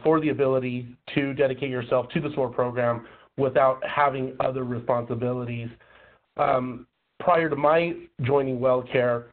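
A man presenting in a polite, formal way, his voice rusty and under the weather with a cold. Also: medium pitch. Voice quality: rusty, slightly rough voice. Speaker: presenter, program local lead. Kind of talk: prepared webinar presentation. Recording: muffled, narrow phone-like line.

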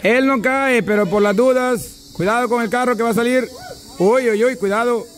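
A man running an outdoor rope-crossing contest, giving brisk commands and repeating his calls. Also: extremely high pitch. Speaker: event organizer calling a rope-crossing contest. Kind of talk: live instructions to teams outdoors.

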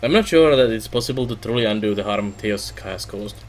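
Low-voiced man reading game text aloud. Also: lively intonation, brisk. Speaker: gaming let's player.

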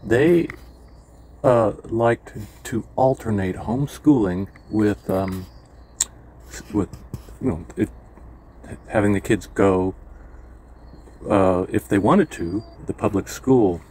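A man's voice: on the low side, slow, pauses often, dark tone, husky. An older man from California telling stories from his life in a rambling way, with many fillers and restarts. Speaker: memoir vlogger. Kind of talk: casual personal storytelling.

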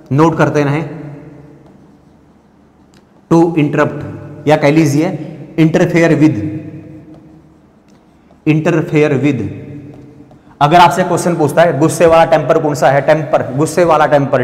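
A man's voice: on the high side, a little mellow. Echoey male teacher spelling out words. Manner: explains each word and spells it out letter by letter, checks "clear?". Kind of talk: exam-prep vocabulary lesson. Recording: echoey classroom with long reverb.

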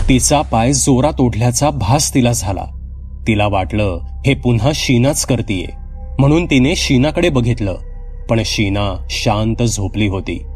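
A man telling a horror story in a measured, suspenseful scripted narration. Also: lowish voice, darkish tone.

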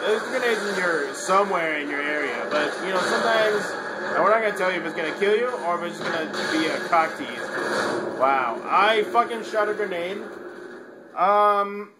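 Frustrated high-voiced man ranting over gameplay. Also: very noisy. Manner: frustrated ranting, swearing, loud outbursts. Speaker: gamer. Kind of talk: gameplay commentary. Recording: loud game sound behind.

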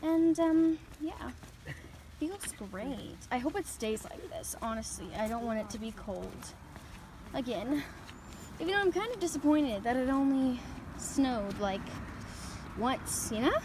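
A woman's voice: sits high, expressive, a little slow, background noise. A young woman vlogging in casual chat, upbeat and chatty with lots of fillers, filming herself on a handheld camera. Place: outdoors walking, then store aisles.

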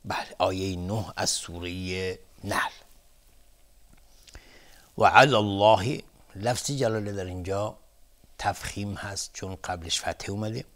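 A man teaching Quran recitation on a televised lesson, explaining each rule step by step in a soft, low-key way. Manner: methodical, explains rules step by step.

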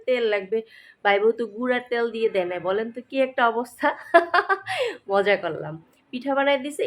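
A woman with a Narsingdi Bengali accent, chatting casually to her viewers as a vlogger and mixing in English words. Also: a little high. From Narsingdi, Bangladesh. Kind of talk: casual vlog chat to viewers.

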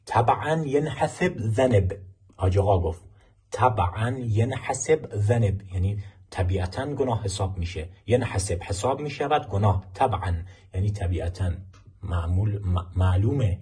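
A man teaching a language lesson, explaining film clips and slowly repeating phrases for learners to practice. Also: deep voice, mellow, slightly rough.

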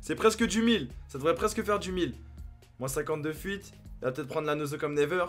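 Excitable young man commentating his game. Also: fairly high pitch, a little fast, soft background music. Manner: excitable, talks to himself, sudden outbursts. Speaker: gaming youtuber.

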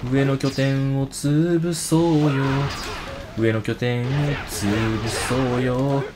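A game streamer with a mid-range voice and fairly even intonation speaks slowly in casual let's-play commentary, chatting to himself, reacting aloud, and talking back to on-screen enemies while game music plays loudly behind him.

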